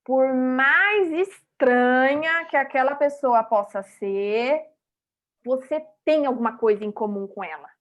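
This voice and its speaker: Woman, high voice, emphatic motivational talk, muffled lo-fi recording. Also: takes it slowly. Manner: emphatic, rhythmic, addresses the audience directly. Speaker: speaker at a vegan festival talk.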